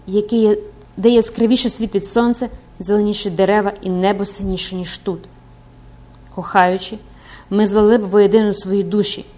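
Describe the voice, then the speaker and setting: A woman's voice: mid-range voice, mellow, natural voice. A woman reading the lines of an obsessed, desperate middle-aged priest in an audiobook, in a pleading, passionate way.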